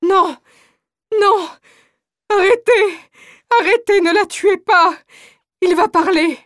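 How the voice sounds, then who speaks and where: Brief: woman doing a distraught mother, crying and begging, high voice, dry close sound. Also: takes it slowly, no echo. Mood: frantic pleading. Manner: pleading, screaming, sobbing. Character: desperate mother, pleading for her children.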